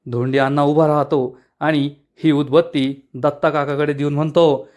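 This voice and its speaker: A man casually retelling a TV serial episode, brisk storytelling with personal asides. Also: a little high, little pitch movement, darkish tone. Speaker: serial recap narrator.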